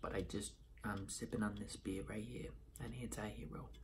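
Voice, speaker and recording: A man's voice: fairly low pitch, level tone, normal speed, a little hiss or hum. A man in his thirties with a Boston accent, giving a casual beer review and partly reading aloud in a room at home.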